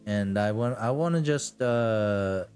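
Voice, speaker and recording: Low-voiced man running a tabletop game. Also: slow pace, a little mellow, soft background music. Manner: improvised, conversational storytelling. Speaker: game master. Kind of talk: narrating a tabletop role-playing game.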